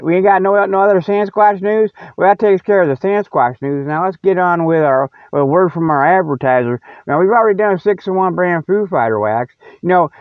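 A man with a voice that sits high hosts a comic mock newscast, rambling in a jokey, casual, folksy and colloquial fashion. There's no room sound; the audio is dry and narrow, like a phone.

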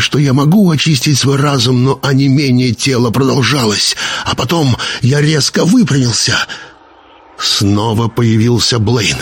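A man narrating a first-person horror story as an audiobook, in a theatrical reading that slows down and climbs at the tense moments. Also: mid-range voice, slight background noise.

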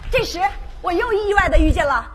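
A woman performing a playful, animated comic monologue with sudden outbursts. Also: extremely high pitch, fairly quick, slight background noise. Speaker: comedian.

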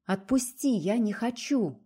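A woman's voice: mid-range voice, moderate pace, dark tone, close to an everyday voice. A woman reading a hurt, defiant young woman. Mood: pleading. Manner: pleading and strained.

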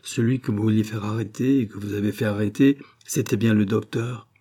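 Audiobook: a fretful, curious king read by a man, raised husky voice. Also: on the low side, fairly even intonation, a little fast, mellow. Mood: eager questioning. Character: King Louis XVI, anxious, curious older man. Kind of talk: audiobook character voice.

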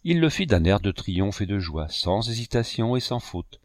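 A man narrating a classic novel as an audiobook, measured and expressive, on a close mic. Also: lowish voice. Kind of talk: scripted narration.

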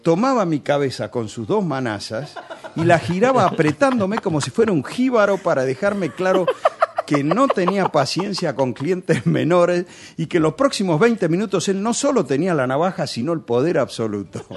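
A man's voice: on the high side, very animated, normal speed, breathy edge. Argentine man telling nostalgic stories. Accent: Rioplatense Spanish. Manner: nostalgic, chatty storytelling with local slang. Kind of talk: storytelling on a radio show.

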